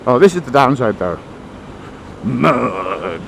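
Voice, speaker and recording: A man's voice: on the high side, lively intonation, moderate pace, slight background noise, rough recording. A man chatting casually while riding a motorbike, talking into a helmet mic in a waffly, self-deprecating way. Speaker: motorcycle vlogger. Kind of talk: casual rambling chat.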